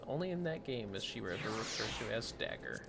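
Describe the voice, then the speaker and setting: A man's voice: medium pitch, expressive, fairly quick, creaky. A man giving casual, offhand live commentary as he plays a video game, with asides muttered to himself. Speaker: livestream host playing a video game. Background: game music.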